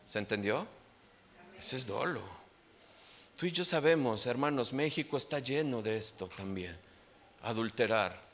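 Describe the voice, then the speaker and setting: A Mexican pastor with a Mexican Spanish accent, preaching a sermon emphatically and rising in pitch on key points. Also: male voice, expressive, measured pace, long pauses, a bit bright.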